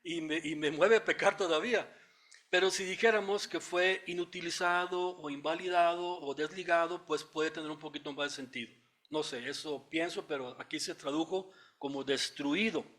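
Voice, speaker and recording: Fairly high-voiced Mexican preacher teaching. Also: male voice, steady tone, a bit bright. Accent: Mexican Spanish. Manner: teacherly, thinks aloud with fillers and asides; reads scripture aloud slowly. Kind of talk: expository Bible study sermon.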